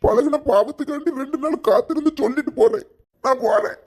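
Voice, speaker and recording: A performer voicing an aggrieved, sarcastic middle-aged village banana seller, in a cartoon. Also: male voice, very high-pitched, fairly quick, a little mellow. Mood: bitter sarcastic. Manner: sarcastic, complaining.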